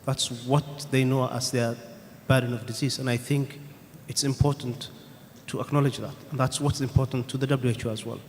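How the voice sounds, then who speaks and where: A man on a conference panel answering audience questions in a measured, thoughtful way, pausing with "um" between points. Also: mid-range voice, little pitch movement, darkish tone. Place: conference hall. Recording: reverberant conference hall, faint room noise.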